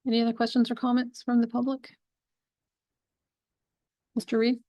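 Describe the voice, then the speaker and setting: Mellow-voiced woman mayor chairing. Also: on the high side, completely flat delivery, no echo. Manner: brisk, formal procedural. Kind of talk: chairing a public meeting.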